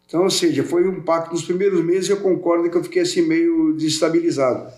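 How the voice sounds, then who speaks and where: A man's voice: a little high, steady tone, quick pace, darkish tone. Older man rambling in a roomy echo. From Portugal, raised in Brazil. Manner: rambling, repeats words and restarts. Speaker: podcast guest, welding specialist. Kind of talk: casual interview chat.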